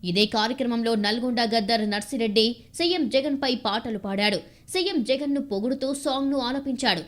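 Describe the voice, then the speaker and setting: A woman's voice: a little high, normal speed. Dramatic female news narrator. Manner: punchy, dramatic delivery. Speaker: news voice-over reader. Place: studio voice-over.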